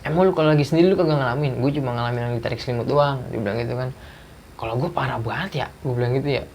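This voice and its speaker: A man's voice: mid-range voice, rapid-fire, gravelly. Guy telling a spooky story in slang, acts out the voices, bit of background hiss. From Jakarta. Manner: animated retelling with acted dialogue, slangy. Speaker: guest storyteller. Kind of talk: casual ghost story telling.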